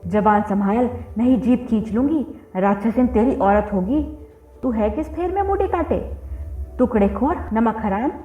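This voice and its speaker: A woman voicing a fierce, quarrelsome middle-aged village wife who scolds in a shrill, combative voice. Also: a little slow, close to an everyday voice. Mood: angry scolding. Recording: phone-like roomy audio with faint music.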